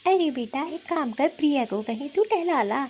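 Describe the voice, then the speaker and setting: A woman voicing a gentle, peacemaking older mother-in-law in a cartoon, in a soft, lower voice. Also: expressive, moderate pace, muffled recording. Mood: soothing. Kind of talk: cartoon voice acting.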